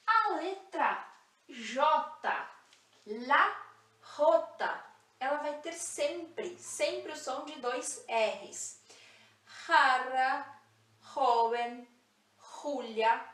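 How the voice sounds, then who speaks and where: A woman teaching a language lesson, speaking slowly and clearly, repeating example words and spelling out sounds. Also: high voice, expressive, a bit bright, echoey room, recorded from a distance. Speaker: Spanish teacher.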